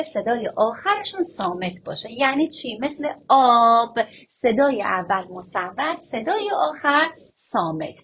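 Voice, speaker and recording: A woman's voice: sits high, fairly bright tone, slight background noise. A young woman teaching early reading sounds to other teachers, stretching sounds out in a sing-song way for children. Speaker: preschool teacher. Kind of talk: phonics lesson for teachers.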